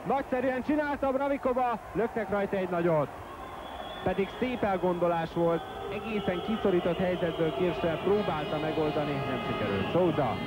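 A man giving excited, exclamatory live sports commentary on a handball match. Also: high-pitched. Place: sports hall, loud ambience behind. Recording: broadcast with loud arena noise.

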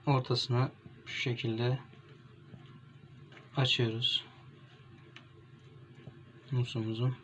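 A young man from Turkey, a gastronomy student, calmly walking through a cooking demonstration step by step, with pauses and fillers. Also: mid-range voice. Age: young adult. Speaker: gastronomy student presenting a recipe. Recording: dull lo-fi home recording with faint noise.

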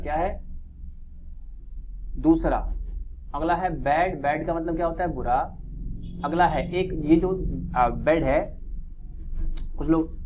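Quizzing male teacher, repeating answers. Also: fairly high pitch. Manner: quizzing, repeats each answer, calls students "bhai". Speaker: English teacher. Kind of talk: online vocabulary lesson.

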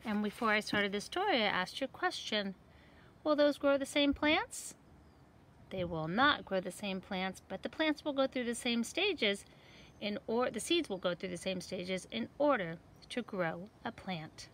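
Lady doing kids show host style read-aloud, talks to the children, very up and down, slow, bit of background noise. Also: mid-range voice, lively intonation, fairly bright tone. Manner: kids-show host, sing-song, addressing children directly. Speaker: teacher reading a picture book to young children.

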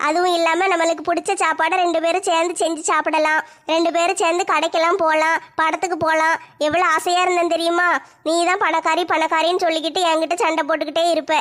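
A woman playing a patient, kind elder sister-in-law in a comedy family skit, speaking gently. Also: very high voice. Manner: gentle, reassuring.

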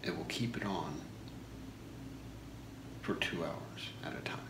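A man in his thirties doing a whispered role-play as a shopping channel host, soft-spoken, with a slow, deliberate product pitch in a small room. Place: small home room, indoors. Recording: echoey room with clear background noise.

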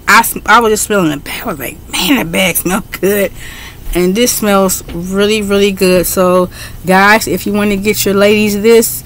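A middle-aged woman talking casually on a home webcam in an excitable, chatty way, with frequent fillers. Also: mid-range voice, slight background noise. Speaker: beauty vlogger. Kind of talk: casual haul video. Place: bedroom at home, indoors. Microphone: webcam at desk.

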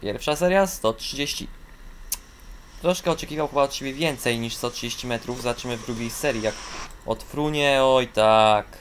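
A man calls ski jumping in a video game, his voice at an ordinary middle pitch. He breaks into high, excited shouts on the long jumps and stumbles over fillers and restarts. A faint hiss sits under the voice. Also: moderate pace.

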